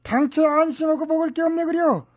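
A woman's voice: high-pitched, fairly even intonation, brisk, a little mellow, no room sound, close to an everyday voice. A woman playing a naive employee who talks back to her boss in a radio comedy sketch. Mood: grumbling. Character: meek female employee with a dialect. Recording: dry, slightly dull radio studio.

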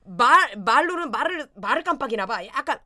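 A woman in her forties chats casually, telling a story with a bright, ringing voice pitched a little high. She acts out the quoted lines in loud, animated bursts. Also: brisk. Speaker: storyteller guest. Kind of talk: casual chat.

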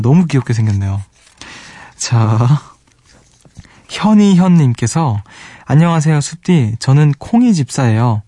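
A man hosts a late-night radio show from a studio microphone, with a mellow, warm tone and a middling pitch. He reads listener letters in a gentle, soft-spoken way and fondly exclaims over the pets in their photos. The sound is close and dry. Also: no echo.

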